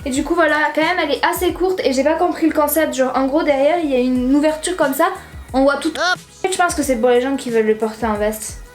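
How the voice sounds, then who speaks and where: A woman's voice: sits high, fast talker, roomy sound, soft background music. A teenage girl from southern France chatting casually in a haul vlog, rambling and slangy with lots of fillers. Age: teens. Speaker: YouTuber.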